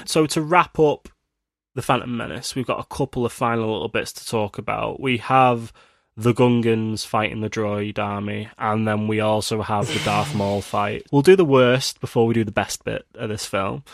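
A man's voice: fairly low pitch, steady tone, moderate pace, creaky, no room sound, studio quality. A man hosting a casual podcast, chatting and joking about a film with friends. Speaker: podcast host. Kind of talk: casual chat.

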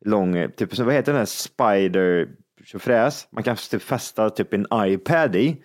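A man in casual chat among friends, rambling and excitable, laughing often. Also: fairly low pitch.

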